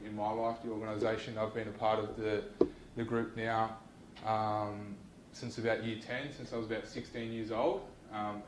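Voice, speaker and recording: A young Australian man giving an informal university lecture, talking in a relaxed and conversational way with many ums and restarts. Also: fairly low pitch, echoey room, a little hiss or hum, rough recording. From New South Wales, Australia. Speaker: guest lecturer.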